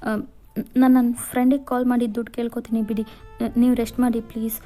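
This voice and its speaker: A flustered young college girl stammers, pleads and apologizes, played by a woman reader. Her voice runs high and mellow, and faint music sits behind this storybook voice-over. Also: flat delivery, fairly quick, natural voice.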